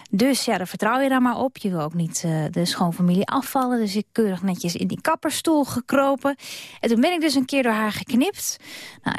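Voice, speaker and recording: A woman hosting a late-night radio show, telling a personal anecdote in a relaxed way with fillers and taking calls. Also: mid-range voice, no echo, clean studio sound. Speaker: radio host. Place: radio studio.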